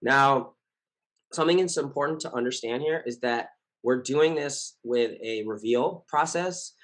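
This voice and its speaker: A man with a scratchy, hoarse voice talking casually to his community as founder, earnest and reassuring, rambling with many fillers and self-corrections. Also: mid-range voice, unhurried, a bit bright. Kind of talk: casual spoken update to followers.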